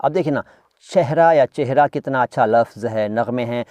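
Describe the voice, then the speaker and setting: A man's voice: medium pitch, moderate pace, a little mellow, no room sound. A man teaching vocabulary in a chatty lesson, talking straight to his listeners and repeating each word to drill its pronunciation. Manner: chatty, addresses listeners directly with asides. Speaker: language teacher.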